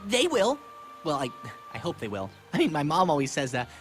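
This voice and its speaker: Awkward cartoon teenage boy, self-deprecating, bumbling, very lively pitch. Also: fairly quick. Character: awkward, goofy teenage boy trying to seem cool. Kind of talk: animated series dialogue. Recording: background music behind dialogue.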